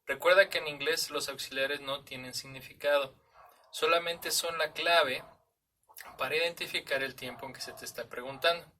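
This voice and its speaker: A man with a Mexican Spanish accent explains English grammar in a relaxed, conversational teaching voice. His tone is bright and clear. He sounds a little distant from the microphone. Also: on the high side, slight background noise. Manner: conversational, checks in with "¿sale?" and "¿ok?".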